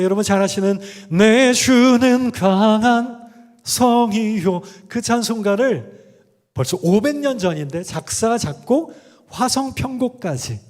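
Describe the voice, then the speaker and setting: Man preaching in a church, chatty, keeps asking the crowd stuff, pretty high voice, long echo off the hall. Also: a little mellow. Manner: conversational, questions the audience. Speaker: guest speaker, professor. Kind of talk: sermon with sung examples. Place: church sanctuary.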